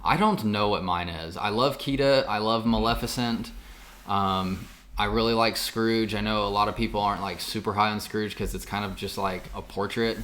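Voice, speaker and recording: Man, low and bright, loose co-host chatter with fillers. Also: fairly even intonation, moderate pace, a little hiss or hum. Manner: chatty, lots of fillers and restarts. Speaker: podcast co-host. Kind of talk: casual chat.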